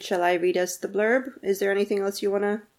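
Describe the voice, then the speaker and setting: A woman's voice: medium pitch, fairly even intonation, quick pace, a little mellow. A woman co-hosting a book podcast, chatting casually, laughing often, and reading a blurb aloud.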